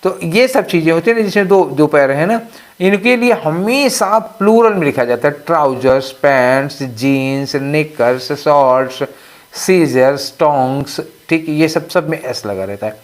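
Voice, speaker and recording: A man's voice: a little high, expressive, measured pace. A man teaching English exam questions, explaining step by step and often checking that students follow. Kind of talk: exam question walkthrough lesson.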